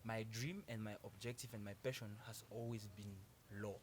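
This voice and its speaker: A man's voice: lowish voice, steady tone, normal speed, slight background noise. A young man from Cameroon, a guest talking casually in an interview, polite, laughing often and restarting his sentences.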